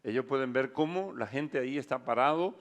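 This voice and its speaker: A male pastor preaching a sermon, telling a story dramatically and shifting between soft and loud passages. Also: medium pitch, a little fast.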